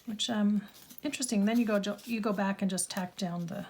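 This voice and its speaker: A middle-aged woman, a little croaky, chatting casually and rambling as she crafts in her home studio, laughing at herself often. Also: medium pitch, brisk, a little mellow, a little hiss or hum. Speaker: craft channel host. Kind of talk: casual chat while crafting.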